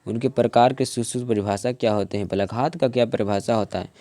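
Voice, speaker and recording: A young man teaching grammar from his notes, often repeating words and restarting, and slowing down to spell out word parts. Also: mid-range voice, steady tone, dark tone, dry recording. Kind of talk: explaining from notes to camera.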